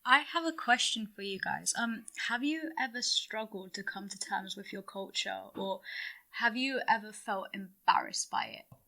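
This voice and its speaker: A woman's voice: mid-range voice, expressive, normal speed, gravelly, sharp tone. A teenage female student speaking thoughtfully and asking questions in a school podcast discussion. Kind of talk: casual discussion.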